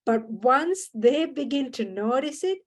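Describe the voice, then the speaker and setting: A woman speaks in a slightly raised voice as a podcast guest. She talks earnestly and in measured phrases, pausing and restarting as she gathers her thoughts. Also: high-pitched, animated. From Sri Lanka. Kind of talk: reflective podcast conversation.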